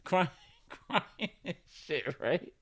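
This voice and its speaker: Lively laughing man telling stories. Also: fairly high pitch, drawn-out words. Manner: animated storyteller, acts out voices, laughs often. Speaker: podcast co-host. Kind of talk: casual chat.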